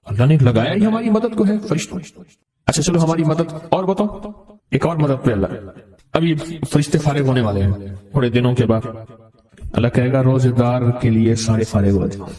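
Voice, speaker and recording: A man's voice: fairly high pitch, expressive, long pauses, mellow. A man preaching a sermon, telling a story and repeating phrases for emphasis. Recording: roomy echo.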